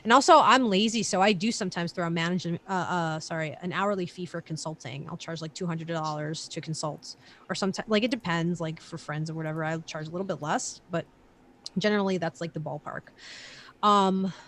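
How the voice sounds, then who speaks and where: A woman's voice: lowish voice, brisk, a bit bright, a little hiss or hum. Casual woman in her late twenties. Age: late 20s. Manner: loose, filler-heavy talk with casual swearing. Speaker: digital marketer guest. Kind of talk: casual live-stream chat.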